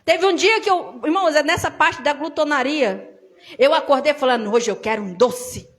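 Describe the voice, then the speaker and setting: A woman's voice: high-pitched, moderate pace. A woman with a Brazilian accent preaching an informal church sermon, chatting with the congregation and telling personal stories. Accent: Brazilian Portuguese. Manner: conversational, tells personal stories, addresses the congregation as brothers.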